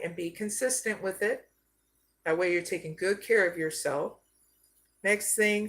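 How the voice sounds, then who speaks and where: A woman from Arizona giving a live card reading, slow and soothing, often checking in with "okay?". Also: medium pitch, a bit bright. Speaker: psychic card reader.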